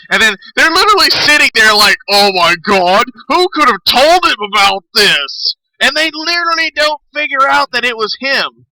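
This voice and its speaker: A man's voice: high voice, bright, forceful tone, no echo, rough recording. A young man with a Southern US accent telling a story on a stream while he plays, rambling, swearing and losing his thread. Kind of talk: casual storytelling while gaming.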